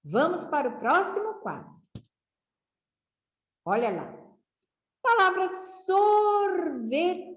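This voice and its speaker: A woman's voice: extremely high pitch, big pitch swings, echoey room. A woman teaching children to read, drawing out syllables and checking in with the children often. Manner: drawn-out syllables, frequent "né?" and "tá?" checks. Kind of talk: slow, patient reading lesson for children.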